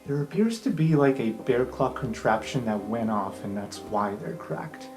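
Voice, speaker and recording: Here the game master of an improvised tabletop session speaks in a mid-range voice with lively intonation and a normal pace. He keeps it casual and chatty, swearing now and then, over background music in a roomy-sounding recording.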